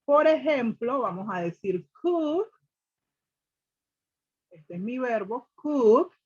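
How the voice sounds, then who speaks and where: A woman teaches a class, laying out rules step by step and checking answers with her students. Her voice sits a little high and has a husky edge. The recording is dull and lo-fi. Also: expressive, takes it slowly, darkish tone. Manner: explains step by step, repeats rules, asks the class questions. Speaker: English teacher. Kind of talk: classroom grammar lesson.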